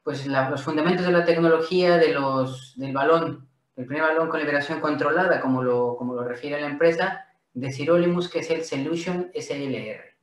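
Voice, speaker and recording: Middle-aged Mexican-accented man, lecturer on a video call, voice a bit high, roomy and far off. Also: moderate pace, hardly any pauses. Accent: Mexican Spanish. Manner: explanatory, with frequent fillers. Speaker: guest speaker. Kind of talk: webinar presentation. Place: home office, video call. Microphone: laptop mic on video call. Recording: echoey room, off-mic.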